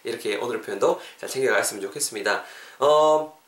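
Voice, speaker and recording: A man hosting a casual language lesson podcast, drilling phrases slowly and repeating them. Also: medium pitch, a bit bright, roomy sound, distant mic. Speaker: English teacher, podcast host.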